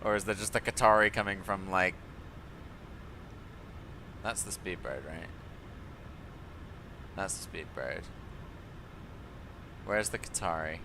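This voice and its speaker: During live-stream commentary on a flight simulator, a man chats and jokes in exasperation about air traffic and ground crews, frequently laughing at the ground crew. He speaks slowly in a low-pitched voice, pausing often.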